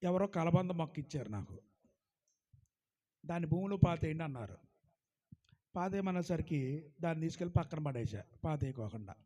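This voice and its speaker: High-voiced preacher, rising and falling. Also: male voice, animated, normal speed, long pauses. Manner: preaching with call-and-response, asks the congregation to praise loudly; surges loud on scripture, drops low and quiet for anecdotes. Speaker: pastor. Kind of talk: sermon.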